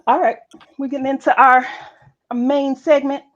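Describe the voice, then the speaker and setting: A woman's voice: sits high, level tone, normal speed, dull audio, noisy background. A woman co-hosting a live podcast, joking around and reading out viewer comments in a playful manner. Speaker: podcast co-host. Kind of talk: casual chat.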